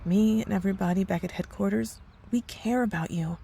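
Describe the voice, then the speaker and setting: Lightly acted, with a mid-range, warm voice, a touch of vocal fry, and a slightly fast pace, a woman plays a caring, worried married coworker in an ASMR roleplay drama. She speaks earnestly, hesitantly, and carefully, with a little hiss or hum in the recording.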